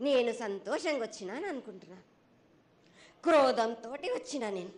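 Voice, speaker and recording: A woman's voice: a little high, expressive, moderate pace, a little mellow. A woman with a Telangana accent giving an oracle's prophecy in a trance voice, scolding angrily and imperiously with repeated phrases. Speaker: oracle delivering a ritual prophecy as the mother goddess.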